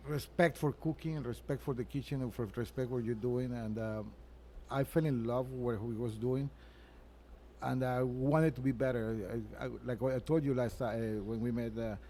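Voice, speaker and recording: Earnest man with a mellow voice. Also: mid-range voice, a little hiss or hum. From Venezuela. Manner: earnest, halting, with frequent restarts. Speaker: chef and restaurant owner, guest. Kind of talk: interview answers. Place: his restaurant.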